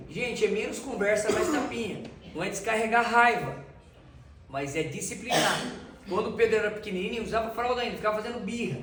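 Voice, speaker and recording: A man's voice: high-pitched, noisy background. Pastor guy, middle-aged, chatty and joking, kinda far off in an echoey room w/ people around. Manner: joking, direct, addresses audience as "gente". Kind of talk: casual church talk with anecdotes. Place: church hall with audience. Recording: roomy hall, far mic, audience audible.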